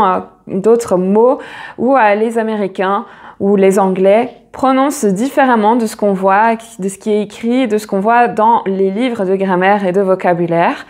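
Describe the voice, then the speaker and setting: A woman's voice: medium pitch, darkish tone. A woman teaching a casual video lesson, explaining step by step and repeating each phrase. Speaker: English teacher.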